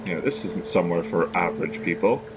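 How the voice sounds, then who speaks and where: A man's voice: sits low, fairly quick, highs cut off, very noisy. A man giving casual, playfully sarcastic commentary as he plays a video game, muttering asides. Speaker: gamer. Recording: game music behind voice.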